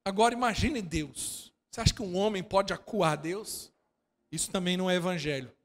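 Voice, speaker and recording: A Brazilian pastor preaching a sermon, swinging from quiet asides to loud shouting and firing rhetorical questions at his congregation. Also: high voice, moderate pace, in a large hall. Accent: Brazilian Portuguese. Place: church hall.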